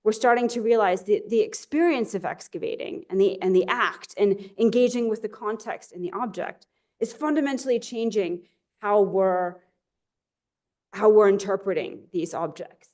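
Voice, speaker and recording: A woman's voice: mid-range voice, moderate pace, a little mellow. A woman lecturer giving an academic talk with enthusiasm, often correcting herself mid-sentence. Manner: enthusiastic, with frequent self-corrections.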